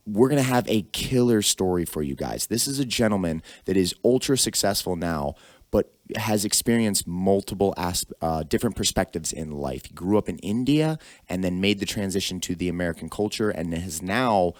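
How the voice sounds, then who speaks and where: Very deep-voiced upbeat podcast host. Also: male voice, expressive, moderate pace, no echo, clean studio sound. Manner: upbeat and enthusiastic. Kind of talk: podcast hosting.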